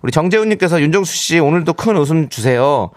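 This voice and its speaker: A man's voice: on the high side, lively intonation, fast talker, no echo, clean studio sound. A man co-hosting a radio show, reading listener messages aloud and bantering playfully.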